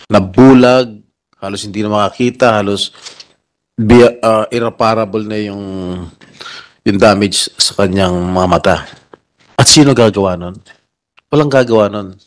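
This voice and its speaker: A man questioning witnesses at a Senate hearing, stern and warning, rising to shouted scolding. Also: on the low side, unhurried, long pauses. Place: hearing room.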